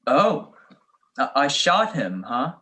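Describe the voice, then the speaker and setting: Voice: medium pitch, big pitch swings, slow pace, bright, forceful tone, full character voice. A performer playing Nick Charles's part as a wry, unflappable male detective, teasing and sarcastic, in an old-style radio mystery. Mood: mock puzzled. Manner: dry, teasing, sarcastic wit. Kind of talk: 1940s detective radio play acting. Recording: video call recording.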